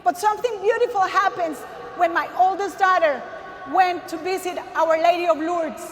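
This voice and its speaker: Woman, Costa Rican Spanish accent, very high voice, emphatic testimony, calls out to crowd, long hall reverb. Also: normal speed, slight background noise. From Costa Rica. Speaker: speaker giving a testimony. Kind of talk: faith testimony to a large audience. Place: large arena stage.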